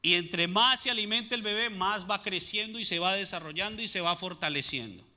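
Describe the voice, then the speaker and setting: Bright-voiced male preacher. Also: high-pitched, brisk. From Latin America. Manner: preaching with rhetorical questions to the congregation. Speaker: pastor. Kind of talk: sermon.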